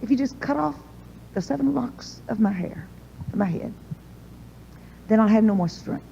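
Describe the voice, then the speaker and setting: A cocky, proud strongman, voiced by a woman storyteller, tossing off his answers in a folksy, offhand drawl. The voice is mellow and lively. It sits in a long hall echo on a muffled old tape. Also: normal speed, gravelly. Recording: dull 1980s tape in a big hall with faint rumble.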